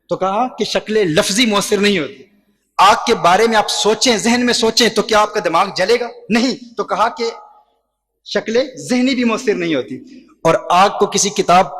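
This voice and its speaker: Male preacher, high voice, dramatic storyteller, heavy repetition. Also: fairly bright tone, breathy edge. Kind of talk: sermon.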